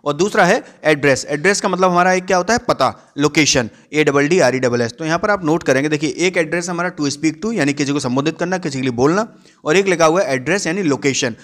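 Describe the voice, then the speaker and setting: A man teaching a lesson in a deliberate, explanatory way, spelling out words letter by letter and reading definitions slowly. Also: on the high side, a bit bright. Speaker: English teacher.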